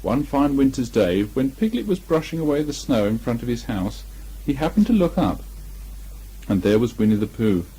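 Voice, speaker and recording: A man with a slightly husky voice reading a children's storybook aloud with expression. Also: medium pitch, very animated, normal speed, mellow. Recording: muffled amateur 1980 home recording.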